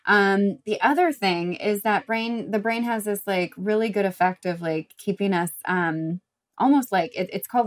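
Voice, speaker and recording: Young woman just talking, casual advice monologue, says like a lot, swears pretty freely. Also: medium pitch. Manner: chatty, frequent "like" fillers, blunt swearing. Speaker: recovery podcast host.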